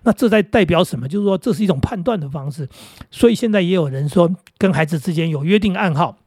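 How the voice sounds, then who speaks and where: A man's voice: high-pitched, lively intonation, fast talker, darkish tone, slightly rough, no echo, studio quality. A middle-aged man with a Taiwanese Mandarin accent, hosting a casual chat and rambling through anecdotes with many fillers. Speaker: podcast host.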